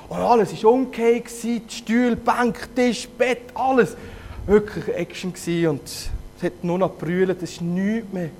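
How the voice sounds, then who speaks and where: A man with a Zurich Swiss German accent casually retelling a fairy tale, lively, with hesitations. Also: high voice, slight background noise. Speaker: storyteller.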